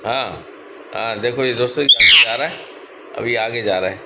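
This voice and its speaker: Speaking at a moderate pace in a mid-range voice, a man talks to his viewers in a casual pet vlog, coaxing his birds with baby talk and repeated calls. The very noisy recording comes from an echoey room, with birds chattering loudly in the background.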